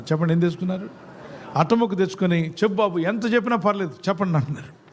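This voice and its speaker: Man, pastor, high voice, preaching, quizzes the congregation, church service. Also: darkish tone. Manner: call-and-response, quizzing the congregation. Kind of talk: sermon.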